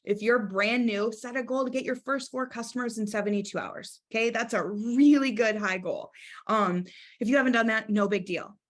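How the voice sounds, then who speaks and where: A young woman leads a casual sales training session in a fairly high voice. She is upbeat and chatty, and she often acts out sample conversations to show new sellers what to say. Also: moderate pace.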